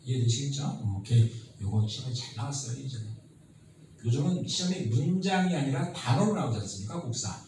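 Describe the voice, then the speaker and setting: A man giving a lively history lecture who asks his students constant questions and acts out the people he quotes. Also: medium pitch, brisk. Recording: very echoey room, mic at a distance, faint noise.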